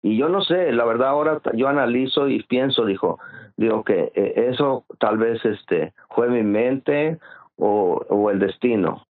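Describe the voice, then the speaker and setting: Gravelly man on a phone line. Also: medium pitch, lively intonation. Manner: halting, repeats and restarts words often. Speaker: interview guest. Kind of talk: personal storytelling in an interview.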